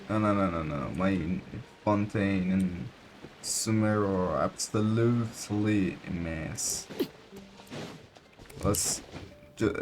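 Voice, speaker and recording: A gaming streamer offers casual gameplay commentary, thinking out loud and frequently exclaiming. His voice is fairly low, and the background is noisy with game music playing behind him.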